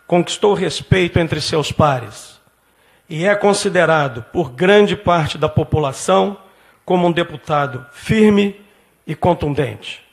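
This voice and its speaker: A man's voice: on the high side, creaky. A man hosting an event who reads a formal introduction of the main speaker.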